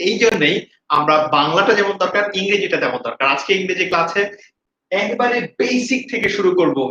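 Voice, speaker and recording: A high, bright-voiced man teaches English pronunciation with lively energy, repeating each word for his students to echo back. The recording sounds roomy and a little dull, with faint hiss underneath. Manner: energetic, repeats words for students to say after him. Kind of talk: classroom-style video lesson, mixing Bengali and English.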